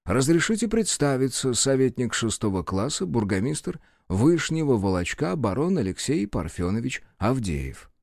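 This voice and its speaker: A fussy, ceremonious town official who bows over his words and pleads with his staff, as a man puts him on in an audiobook. His voice sits a little higher than the narrator's, with a lively, rolling pitch. The sound is dry and close. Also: normal speed, gravelly, few pauses, no echo. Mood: polite. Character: fussy, polite middle-aged male town official.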